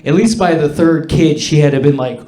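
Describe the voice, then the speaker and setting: A man performing stand-up comedy to a live audience, with a crude, profane, conversational delivery and dark jokes. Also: on the high side, a little fast. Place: indoor pub comedy stage. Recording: echoey live comedy room.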